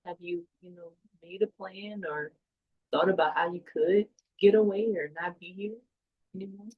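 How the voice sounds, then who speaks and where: A woman playing a calm, sympathetic counselor in a mock session, reflecting back hesitantly like a therapist. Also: lowish voice, moderate pace, husky, narrow, tinny audio. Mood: careful, probing. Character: calm, sympathetic counselor listening to a client in crisis. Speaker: counselor in a role play.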